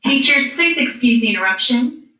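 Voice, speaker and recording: A woman's voice: fairly high pitch, animated, moderate pace. Woman over a school intercom. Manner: polite, formal announcing. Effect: school intercom loudspeaker. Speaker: school announcer. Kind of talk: public announcement. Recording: echoey, muffled loudspeaker heard in a classroom.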